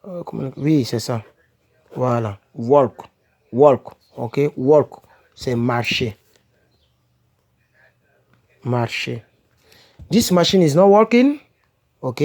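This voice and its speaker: A man's medium-pitched, darkish voice moves very slowly with lively intonation and frequent pauses. As an English teacher for French speakers giving a casual home-made vocabulary lesson, he repeats words, corrects himself as he goes, and checks in with "ok?" and "n'est-ce pas?".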